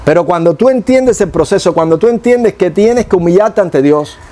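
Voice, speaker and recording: A man preaching a sermon as pastor, acting out prayers with a low hushed voice and boastful ones higher. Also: lively intonation, moderate pace. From Cuba.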